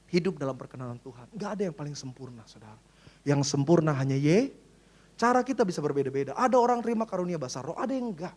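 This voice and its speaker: A middle-aged man from Jakarta preaching a sermon, telling funny stories, mimicking other people's voices and laughing often. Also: very high-pitched. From Jakarta, Indonesia. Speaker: pastor.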